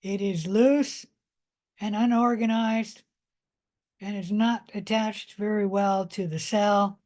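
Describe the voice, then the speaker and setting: A woman lecturing on biology, explaining slowly and carefully with pauses, fillers and restarts. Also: medium pitch, dark tone. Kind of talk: recorded micro lecture.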